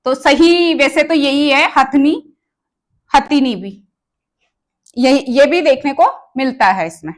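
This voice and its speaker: A woman's voice: high voice, takes it slowly, pauses often. A woman teacher giving an exam-prep grammar lesson, repeating each word and quizzing her students on the right form.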